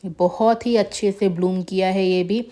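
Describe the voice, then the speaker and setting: Mellow-voiced woman touring her garden. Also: mid-range voice, fairly even intonation, normal speed. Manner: chatty, shows plants one by one. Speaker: gardening vlogger. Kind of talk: casual garden tour narration.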